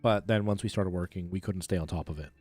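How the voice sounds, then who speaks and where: With a low, slightly mellow voice and no echo, this Canadian man talks quickly as he livestreams a retro game. His chat is casual, and faint game music plays behind him.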